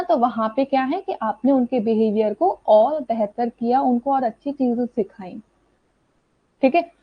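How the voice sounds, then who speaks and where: A woman's voice: on the high side, no echo. A woman teacher giving an explanatory online lecture, often checking that students follow. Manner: explanatory, repeats "thik hai" checks. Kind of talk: online exam-prep lecture. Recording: dull dry lo-fi sound.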